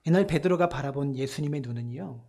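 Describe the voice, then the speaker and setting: A male pastor preaching a Sunday sermon in a church, swinging between hushed soft lines and loud emphatic ones. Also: a little high, very animated, brisk, husky. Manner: acts out voices in retelling scenes.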